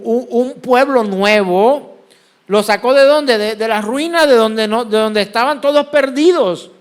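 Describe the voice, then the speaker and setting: A man's voice: high voice, fairly bright tone. A man with a Colombian Caribbean accent preaching a sermon as pastor, asking the congregation questions and answering them himself. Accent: Colombian Caribbean Spanish.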